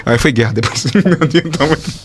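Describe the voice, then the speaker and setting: A Brazilian man, a pastor, telling a testimony in an excitable, animated way, with shouts and sound effects. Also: on the high side, brisk, a little hiss or hum. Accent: Brazilian Portuguese. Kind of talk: animated testimony in casual chat.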